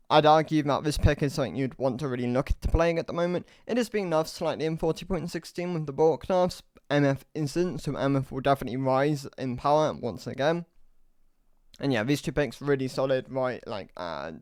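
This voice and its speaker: Male gaming commentator, mid pitch, smooth and resonant, rambling casual delivery, slightly worn voice, dry close mic. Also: dry recording. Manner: relaxed, filler-heavy explaining with many restarts. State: losing his voice. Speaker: gaming content creator.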